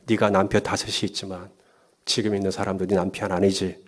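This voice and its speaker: A male pastor voicing a gentle, comforting man in a soft, hushed, tender tone during a sermon. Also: low voice, level tone, brisk, pitched below the performer's own voice.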